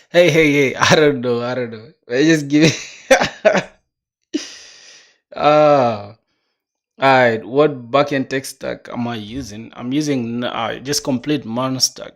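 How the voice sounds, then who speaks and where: A man in his twenties chatting casually on a coding livestream, laid-back and slangy, reading viewer comments aloud. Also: mid-range voice. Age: 20s. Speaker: streamer.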